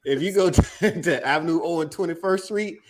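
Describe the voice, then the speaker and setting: A man's voice: a little high, brisk. A man co-hosting a casual podcast chat, telling stories between bursts of laughter. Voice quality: laughing storyteller, very animated. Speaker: podcast co-host. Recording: noisy podcast audio.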